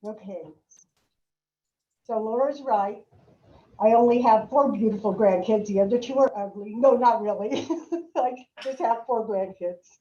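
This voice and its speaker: An older woman talking on a video call, relaxed and joking. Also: on the high side, a little slow, roomy sound, muffled recording. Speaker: webinar participant. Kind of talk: casual chat on a video call.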